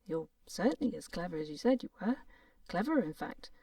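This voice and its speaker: A shifty male innkeeper with a nervous, put-on cheerfulness, as a woman voices him in a fairy tale. The tone is dark and warm. The voice sits slightly away from the mic. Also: on the low side, big pitch swings, fairly quick, vocal fry, no echo, clean studio sound, distant mic. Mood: nervously jolly.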